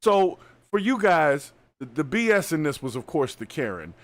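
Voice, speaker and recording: Animated American man hosting a panel. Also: on the high side, moderate pace, no room sound. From United States. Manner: laughs often, animated. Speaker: podcast host. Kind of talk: casual panel chat reacting to a video.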